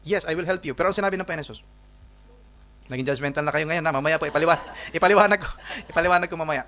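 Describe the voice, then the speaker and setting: Emphatic Filipino preacher mixing Tagalog and English. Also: male voice, a little high, rapid-fire, a bit bright. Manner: mixes Tagalog and English, rises to emphatic peaks; addresses the congregation directly with rhetorical questions. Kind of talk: sermon.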